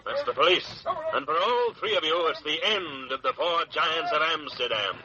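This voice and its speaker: A man's voice: a little high, animated, moderate pace, lightly acted. A man playing an ominous, avenging invisible crime fighter in an old radio drama, sinister and theatrical. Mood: stern. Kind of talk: 1940s radio acting. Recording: dull old radio recording, loud music.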